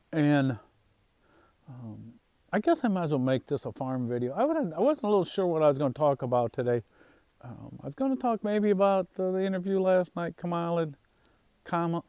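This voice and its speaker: A man talking casually to his viewers about the harvest and farm life, in an unhurried, halting way with plenty of fillers and restarts. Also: mid-range voice, a little mellow, no room sound. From Northwest Indiana, USA. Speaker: farm vlogger. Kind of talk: casual rambling monologue.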